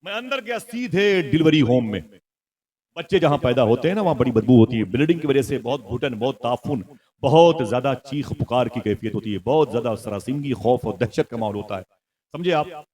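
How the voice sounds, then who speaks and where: A man delivers a sermon in a mid-pitched voice, telling his story with fervour. He swells into loud exclamations and often urges his listeners to call back to him. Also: animated, fairly quick. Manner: prompts the audience to call back. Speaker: preacher.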